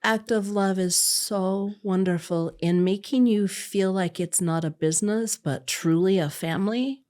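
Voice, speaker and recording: A woman's voice: medium pitch, unhurried, darkish tone. A woman, a podcast guest and adoptive mother, telling her personal story in conversation and acting out what other people said. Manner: vivid storyteller who acts out other people's words.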